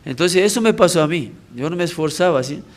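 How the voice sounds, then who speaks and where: Speaking briskly and expressively in a slightly high voice, this male evangelist shares a personal testimony at a church prayer service. His tone is conversational, and he keeps checking in with the congregation using short tag questions.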